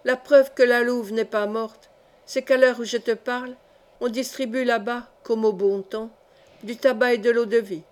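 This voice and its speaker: Woman narrator voicing an easygoing, wry young outlaw man, steady and a little emphatic, higher pitched. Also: moderate pace, close to an everyday voice. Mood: assured. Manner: calm and good-natured, mildly emphatic. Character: calm, wry young male forest smuggler.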